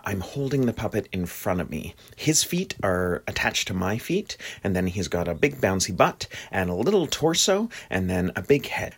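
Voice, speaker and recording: Deep, husky male-presenting puppeteer in their 30s, relaxed audio-description intro.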